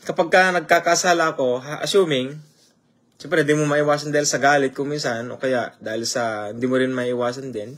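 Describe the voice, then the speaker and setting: A man preaching a sermon, firing rhetorical questions at his listeners and mixing English phrases into his talk. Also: medium pitch. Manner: greets viewers by name mid-sermon.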